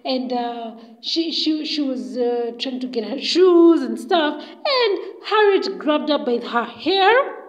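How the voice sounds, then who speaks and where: A woman's voice: high-pitched, sing-song, slow, poor audio. A woman telling a story in a casual, chatty way, loose and full of fillers.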